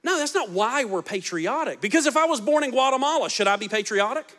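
Fast and full of lively intonation, a pastor in his forties preaches into a handheld mic from a large church stage. He moves back and forth between forceful, loud statements and hushed, low ones.

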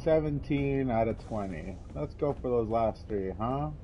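A man commentates casually while playing a game. He rambles and mutters to himself in a mid-pitched voice. The recording is dull and lo-fi, with noise behind him. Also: lively intonation, a little slow, warm tone. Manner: rambling, muttering to himself, acting out little exchanges. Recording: dull lo-fi mic, clear background noise.

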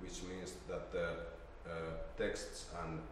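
Speaking slowly and hesitantly, a middle-aged man presents informally at a seminar, his low-pitched voice showing little pitch movement as he demonstrates slides. The indoor room has a projector screen, and a distant camera microphone surrounds his voice with long reverb, leaving the recording roomy and faintly noisy.

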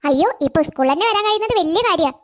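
A meek, stammering cartoon schoolgirl in her early teens, voiced by a woman. Her voice sits very high and the words tumble out quickly. She sounds timid and easily brought to tears. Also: lively intonation. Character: poor, timid schoolgirl in eighth grade. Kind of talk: cartoon voice acting.

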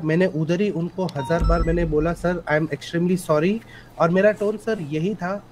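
A man's voice: sits high, a little mellow, slight background noise, low-quality recording. A man playing a police officer in a role-play court hearing, testifying politely but insistently and mixing English phrases into his Hindi, over a headset.

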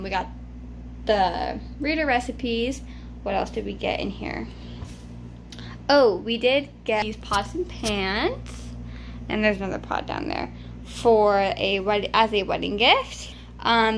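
A vlogger in her twenties gives a casual tour of her small apartment, holding her phone camera and chatting loosely with many fillers. Her mid-range voice is gravelly and a bit bright, with a little hiss or hum in the recording.

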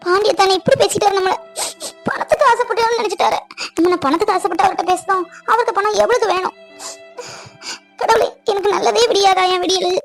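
A hurt, gentle young woman in a cartoon, voiced by a woman, pleading and sorrowful. Her voice rides high and thin, close to crying. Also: fairly even intonation, quick pace, faint music behind. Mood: tearful. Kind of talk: cartoon voice acting.

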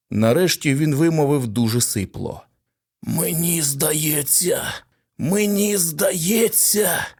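A man's voice: fairly low pitch, gravelly. A man narrating a science fiction short story as an audiobook reader. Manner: steady storytelling. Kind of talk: scripted narration.

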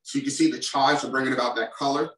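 This chef in his forties speaks fast, at medium pitch, with a steady and slightly bright tone. He's doing a casual, enthusiastic cooking demo in a home kitchen, talking directly to his audience, recorded by a distant camera mic with roomy kitchen acoustics.

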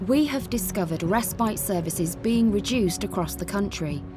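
Woman narrator, measured scripted delivery, music clearly under the voice. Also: mid-range voice, lively intonation. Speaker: documentary narrator. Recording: voice-over with music bed.

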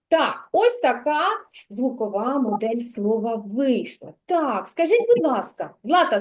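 A woman's voice: high-pitched, a little mellow. A woman kindergarten teacher leading a literacy lesson for young children, patient, drawing out her praise and prompting questions.

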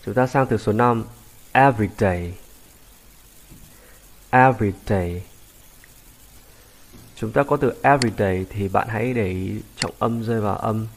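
A man teaching beginners an English grammar lesson, patiently repeating each English phrase slowly for learners, a native Vietnamese speaker. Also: lowish voice, steady tone, creaky, slight background noise.

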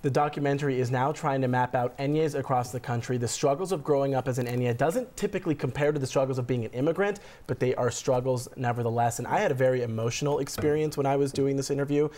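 Male reporter in his 30s, quick and eager, lapel mic in a news studio. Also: mid-range voice, a little mellow. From Burbank, California. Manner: eager, explanatory, talks with his hands. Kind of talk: studio news segment, conversational.

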